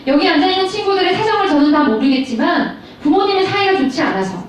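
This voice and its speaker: High-voiced woman pastor preaching to students, lively storytelling, echoey hall from far off, bit of noise. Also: fast. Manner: storytelling, animated, addresses audience directly. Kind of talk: sermon to high school students. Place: large school hall.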